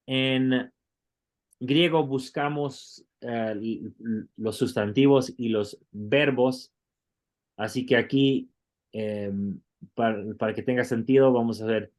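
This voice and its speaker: Patient man teaching Greek. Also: medium pitch. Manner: patient, explains step by step with slips and restarts. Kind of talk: online class.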